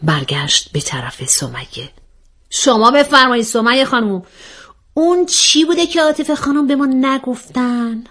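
A woman's voice: sits high, expressive, a bit bright, pitched above the performer's own voice. Woman doing a bossy mock-formal young woman. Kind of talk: storybook voice acting.

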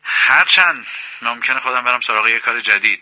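A man's voice: medium pitch, sharp tone, no room sound, rough recording. A man voicing a sceptical, resigned female police officer in an audiobook. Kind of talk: audiobook character voice.

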